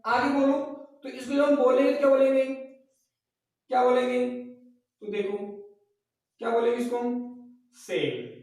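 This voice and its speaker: A man's voice: very high voice, little pitch movement, normal speed, pauses often, a little mellow. A man teaching a class who asks his own questions, answers them, and repeats each key point. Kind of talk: classroom lecture. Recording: very echoey room, mic far off.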